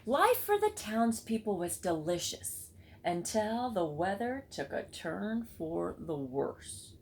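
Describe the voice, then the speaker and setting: A woman's voice: mid-range voice, very animated, takes it slowly, darkish tone, a little hiss or hum. A woman reading a children's storybook aloud expressively, with chatty asides to listeners. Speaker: read-aloud book club reader.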